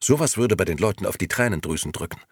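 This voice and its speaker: A man's voice: sits low, lively intonation, breathy edge, no room sound, voice pushed up, exaggerated voice. Male narrator putting on a pushy offended lady, raised voice, dry audiobook read. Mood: indignant. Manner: affronted, insistent, fast-talking. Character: indignant pushy lady reporter, woman.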